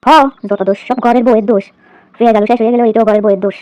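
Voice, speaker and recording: A woman's voice: fairly high pitch, flat delivery, rapid-fire, dark tone, no room sound, lightly acted. A woman playing an aggrieved, nagging young wife in a comedy skit, bickering and complaining with sarcastic questions in a colloquial Bangladeshi accent. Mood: bickering, annoyed. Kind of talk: domestic comedy skit monologue. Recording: dull, lo-fi dry recording.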